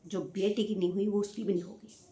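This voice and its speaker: A woman's voice: medium pitch, little pitch movement, fairly quick, mellow. An older woman from Uttarakhand giving impassioned, scolding commentary on her vlog, repeating her points with indignation. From Uttarakhand, India. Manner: indignant, scolding, emphatic repetition. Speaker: vlogger.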